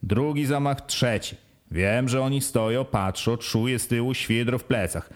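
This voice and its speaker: Man, audiobook narrator, first-person story, earnest, plain rural telling, mid pitch. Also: moderate pace. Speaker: audiobook reader.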